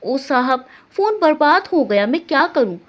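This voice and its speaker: A woman's voice: high voice, very animated, unhurried. A woman voicing a sly young woman putting on a whiny, fake apology.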